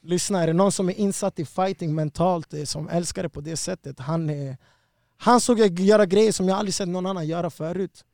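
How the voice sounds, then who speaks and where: Animated man telling a fight story. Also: high voice, gravelly, no echo, studio quality. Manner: slangy, animated, swearing. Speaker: guest fighter. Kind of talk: casual storytelling.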